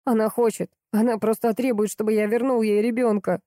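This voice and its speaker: A woman voicing a frightened, pious craftsman and young father who speaks in a hushed, fearful way. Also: a little high, level tone, a little fast, dry recording, studio quality, voice pushed up, natural voice.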